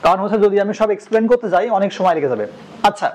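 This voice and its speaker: High-voiced man teaching a class. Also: lively intonation, very fast, a little mellow, a little hiss or hum. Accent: Bangladeshi Bengali. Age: young adult. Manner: asks the class questions, repeats answers. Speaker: coaching center teacher. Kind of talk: classroom lecture.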